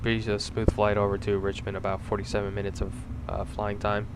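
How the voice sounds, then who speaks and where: A man speaking as an airline pilot over a cockpit headset, giving calm, steady callouts and a relaxed announcement to passengers from the flight deck. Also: fairly low pitch, fairly quick. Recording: steady aircraft noise behind.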